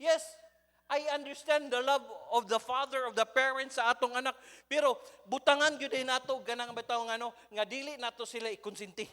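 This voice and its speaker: A man with a Cebuano accent preaching a sermon in a church, telling stories in an animated way and mixing in English. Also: very high voice, fairly quick, clean tone. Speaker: pastor. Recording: long church hall reverb.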